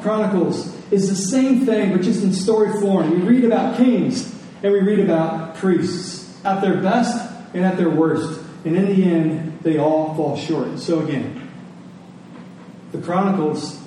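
This man's voice sits high and sounds mellow as he delivers a sermon to a congregation, stressing his points with rhetorical questions and repetition. Captured on a far-off microphone, the audio is very reverberant with slight background noise.

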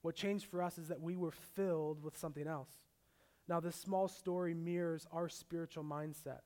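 A young man preaching a sermon as a pastor, mixing scripture with a relaxed personal story. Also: a little high, normal speed.

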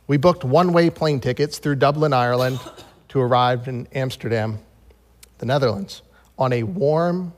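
American male preacher in a reverberant hall. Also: fairly high pitch. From United States. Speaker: pastor preaching to a congregation. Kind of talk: sermon with scripture reading and personal storytelling. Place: large reverberant room, speaking to a congregation.

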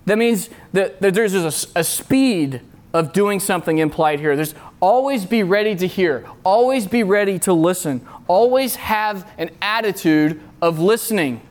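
High-voiced man preaching earnestly. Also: lively intonation, measured pace. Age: middle-aged. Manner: earnest, repeats key phrases for emphasis. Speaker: youth pastor. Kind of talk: sermon. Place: retreat meeting room.

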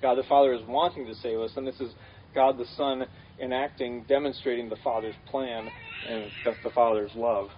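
A man's voice: medium pitch, steady tone, moderate pace, a little hiss or hum. Casual male preacher, slightly dull recording. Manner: casual, filler-heavy, repeats key phrases. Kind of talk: conversational sermon.

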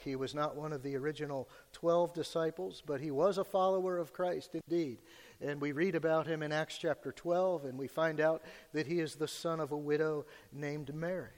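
A man preaching a Sunday sermon as pastor at a pulpit microphone in a church, with frequent "uh" fillers and lifts in his voice for emphasis. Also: fairly high pitch. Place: church sanctuary. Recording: long hall reverb.

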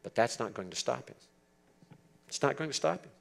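Reading scripture and then commenting on it, a man in his seventies gives an earnest Bible teaching. His mid-range voice is creaky and expressive, and he talks fairly quickly.

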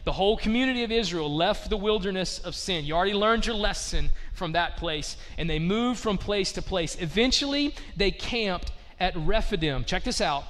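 A male pastor delivers a lively, conversational sermon and keeps putting direct questions to his listeners. His voice sits high for a man, and the recording carries a long reverb from a large hall. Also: moderate pace, few pauses. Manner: animated, conversational, poses questions to the congregation.

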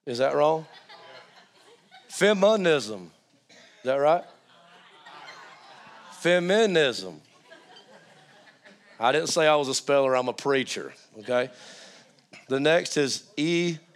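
A man's voice: mid-range voice, moderate pace, long pauses, clean tone. A man preaching an informal teaching sermon, checking in with listeners through questions, his voice strained as it recovers from being lost.

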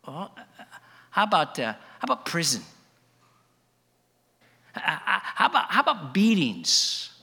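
A man plays the Apostle Paul as a reluctant braggart, sarcastic and stammering as he lists his credentials. His husky, gravelly voice is high and bright and swings widely in pitch. He speaks slowly, with the long reverb of a large hall behind him. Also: very animated, exaggerated voice. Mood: ironic. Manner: halting, stammering, heavy with irony. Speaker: actor in a first-person biblical monologue. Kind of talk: dramatic monologue to a congregation.

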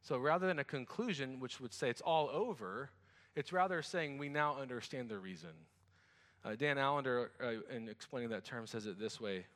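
A man's voice: mid-range voice, lively intonation, moderate pace, fairly bright tone, in a large hall. A man preaching as a pastor. He reads scripture, prays, then talks to the congregation in a conversational way with restarts and asides. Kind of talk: sermon with scripture reading and prayer.

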